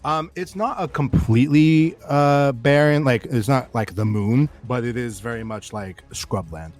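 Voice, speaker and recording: A man acting as game master, narrating scenes in a loose, rambling way and laughing often, with soft music in the background. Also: mid-range voice, measured pace. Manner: giggly, loose, rambling descriptions.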